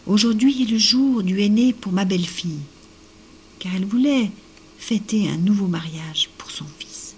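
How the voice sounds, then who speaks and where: A woman's voice: mid-range voice, moderate pace, slight background noise, natural voice. A woman playing a cruel mother ghoul. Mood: angry.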